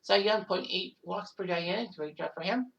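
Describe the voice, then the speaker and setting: Gravelly woman reading off game stats. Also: fairly low pitch, moderate pace, dull audio. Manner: reads off stats with asides, self-corrections. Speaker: host. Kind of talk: casual game stats recap.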